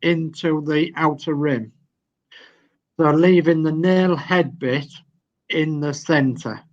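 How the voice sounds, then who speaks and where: Slow-talking older Yorkshire man. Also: fairly high pitch, fairly even intonation, highs cut off. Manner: slow, patient, reads instructions aloud step by step. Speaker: model-building guide. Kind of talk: casual video-call build session.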